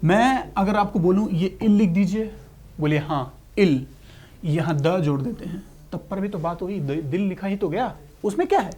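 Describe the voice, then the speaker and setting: A man's voice: sits high, animated, normal speed, warm tone, breathy edge. A man teaching a shorthand lesson, breaking words into syllables and repeating them patiently. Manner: patient, explanatory, checks in with "ठीक है". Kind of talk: classroom lesson.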